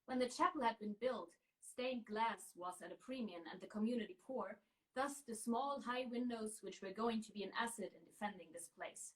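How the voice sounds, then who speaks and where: A woman reading a novel aloud in steady, even narration. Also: fairly high pitch, normal speed, poor audio. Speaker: reader.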